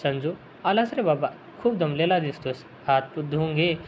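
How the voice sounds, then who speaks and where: A man voicing a gentle, long-suffering middle-aged aunt who speaks softly and pleadingly in an audio story. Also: fairly high pitch, lively intonation, moderate pace, a little hiss or hum, lightly acted, rough recording. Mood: tender. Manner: soft, pleading and tender.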